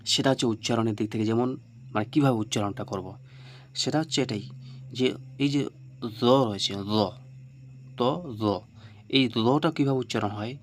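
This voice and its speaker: A man with a mid-range voice teaches Arabic pronunciation informally, asking questions and then answering them himself. He repeats each sound slowly for the listener, and a little hiss or hum can be heard.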